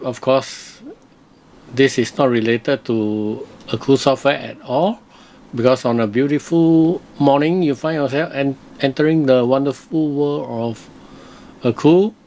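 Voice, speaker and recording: Over a screen recording, a man with a medium-pitched voice gives casual commentary reviewing software. He thinks aloud in simple, hesitant phrases.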